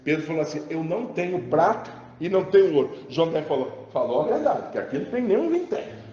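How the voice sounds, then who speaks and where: A man from Rio de Janeiro preaching a sermon in an animated, jokey way, calling out to his congregation. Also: a little high, quick pace. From Rio de Janeiro, Brazil. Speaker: pastor. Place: large church hall. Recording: roomy church hall, dull sound with music.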